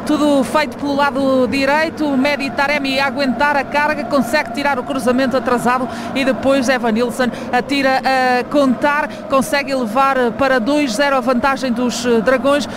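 Over very loud stadium noise, a woman reports live on a football match. She speaks with a European Portuguese accent, as a pitchside reporter on a radio broadcast. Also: fairly even intonation, normal speed.

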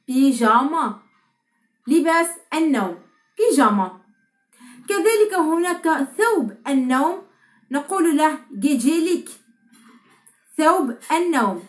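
A young woman from Morocco teaches vocabulary at a careful pace, repeating each word slowly and clearly. Her voice is high and moves freely up and down. The sound carries a noticeable room echo. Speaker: Turkish language teacher. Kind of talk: vocabulary lesson with slow repetition. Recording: echoey room.

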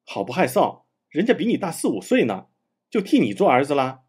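A storybook nobleman who ribs his cousin with easy, joking scorn. His voice is husky and a shade lower than the narration, as a man reads him. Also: wildly swooping pitch, fairly quick, darkish tone, exaggerated voice. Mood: teasing. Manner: mocking, joking.

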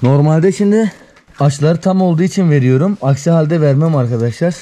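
A man doing casual vlog commentary, talking excitedly to puppies as he feeds them. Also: a little high, brisk. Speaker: vlogger.

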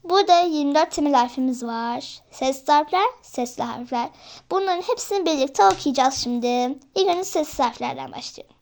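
High-voiced young woman, chatty tutorial. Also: expressive, fairly quick, creaky, darkish tone. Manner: chatty, often addresses viewers as friends, hesitant fillers. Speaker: vlogger teaching herself Korean. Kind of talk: casual tutorial vlog.

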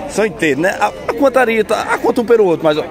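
A man's voice: sits high, sing-song, very fast, over music. A man vlogging at an outdoor livestock market, chatty and upbeat, asking sellers their prices and repeating them. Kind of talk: casual walk-around vlog with interviews. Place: crowded outdoor goat market. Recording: loud market crowd behind.

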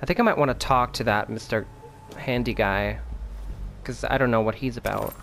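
A man's voice: mid-range voice, normal speed, gravelly, a bit bright, slight background noise. A man casually commenting on his video game play, chatty and swearing freely. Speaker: let's play gamer. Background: game music.

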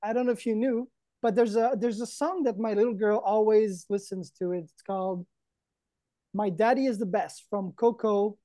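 Against a green backdrop indoors, a man in his thirties or forties co-hosts an online event via video call, keeping up casual, mock-earnest banter. His high, dark-toned voice stays at a moderate pace with fairly even intonation, and the recording is dry.

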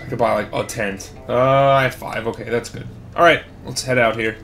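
Man hosting a let's play, mid-pitched and rambling, thinking out loud. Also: fairly even intonation, moderate pace, soft background music. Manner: rambling, thinking aloud with fillers. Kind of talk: casual gameplay commentary.

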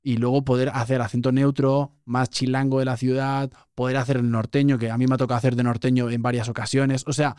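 A man's voice: medium pitch, level tone, fast, few pauses, darkish tone, clear, resonant tone, dry recording, clean studio sound. A man with a Spanish accent from Spain, hosting a podcast interview and telling stories in a joking manner. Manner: jokey storyteller, laughs often. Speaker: podcast host. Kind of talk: casual interview chat.

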